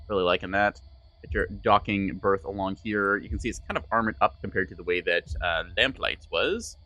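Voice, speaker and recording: Casting: lowish male gamer voice, casual and joking play-by-play commentary. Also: a bit bright. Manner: joking, rambling, lots of fillers. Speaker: streamer.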